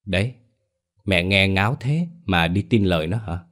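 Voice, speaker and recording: A sharp-tongued, practical grown daughter in a spoken ghost story, quick to scold and dismiss, as a male narrator voices her. The voice stays low and deep throughout. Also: expressive.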